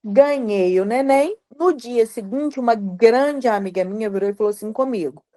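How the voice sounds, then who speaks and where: A woman's voice: on the high side, moderate pace, mellow, no echo. A woman from Brazil, telling her own story as an interview guest, talking conversationally and repeating lines as she recalls what was said. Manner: conversational, repeating phrases and reported dialogue.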